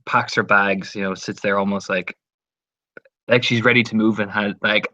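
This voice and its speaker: A man's voice: lowish voice, fairly even intonation, normal speed, bright, forceful tone, no room sound. A man playing a tabletop game, describing his character in a rambling, hesitant way. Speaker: player. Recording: dull lo-fi recording.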